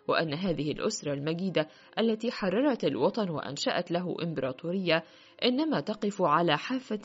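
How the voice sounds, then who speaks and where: A woman with a husky voice reading first-person literary narration in a steady, measured way. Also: fairly low pitch. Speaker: audiobook reader. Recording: muffled with faint background music.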